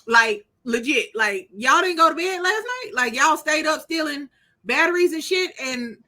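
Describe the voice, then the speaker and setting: Woman podcast host, high bright voice, jokey and sweary, casual movie chat. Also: moderate pace. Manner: animated, joking, swears freely.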